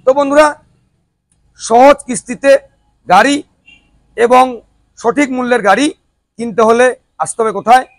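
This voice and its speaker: Man, high voice, dry close sound, emphatic sales announcer, repeats key phrases, showroom promo style. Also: normal speed, long pauses, dry recording, poor audio. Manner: emphatic, repetitive announcer-like delivery with rhetorical questions. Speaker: showroom promoter presenting e-rickshaws. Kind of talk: promotional video sales pitch.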